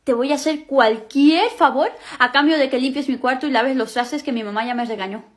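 A woman's voice: high voice, fairly quick, natural voice. A woman playing a scheming young sister, bossy and sly, in a comedy skit.

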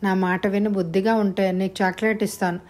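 A gentle, reserved young mother from a spoken storybook, coaxing a child in a soft, even voice, as a woman narrator puts her on. Her tone is kind and quiet. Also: medium pitch, brisk, lightly acted.

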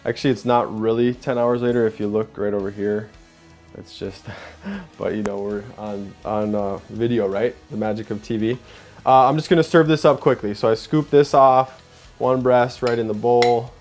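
This young male cooking show host has a steady, somewhat dark tone and speaks at a moderate pace over soft background music. He's doing a casual demo in his home kitchen, walking through each step aloud. His manner is upbeat and talkative, punctuated by the occasional "boom" as he works.

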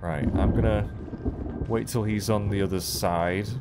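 A man's voice: on the low side, steady tone, measured pace, noisy background. A man in his thirties giving casual, jokey, sweary let's play commentary, thinking aloud as he goes. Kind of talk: casual horror game commentary.

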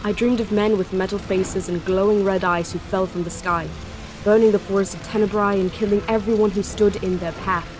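In another audio drama scene, the young actress voices the grieving, anxious princess, earnest and haunted, through both dialogue and first-person narration. Her mid-range delivery is brisk with fairly even intonation and only lightly acted, and the audio quality is poor.

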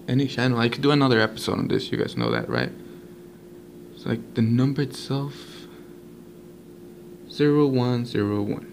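In a noisy amateur home recording, a man hosts a casual prank chat on a walkie-talkie app, his creaky, medium-pitched voice darkish in tone. He jokes in slang and switches back and forth between English and Spanish.

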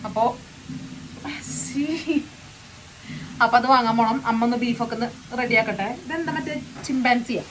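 Young woman, fast chatty vlog, excitable, handheld phone, home kitchen, clear background noise. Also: a little high. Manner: chatty and excitable, addresses viewers as guys. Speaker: vlogger. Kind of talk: casual vlog chat.

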